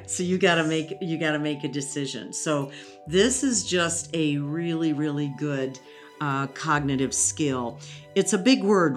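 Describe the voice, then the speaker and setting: A woman with a low voice talks through ideas in a patient, teacherly way. She explains step by step and laughs easily, and faint music sits quietly under her. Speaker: educator guest. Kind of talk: conversational interview.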